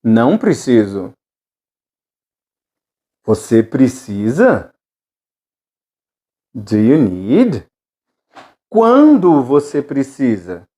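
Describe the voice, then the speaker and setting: A Brazilian woman teaching English in an online video lesson, drilling phrases with steady repetition and moving between Portuguese and English. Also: a bass voice, very slow, pauses often. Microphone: camera with ring light.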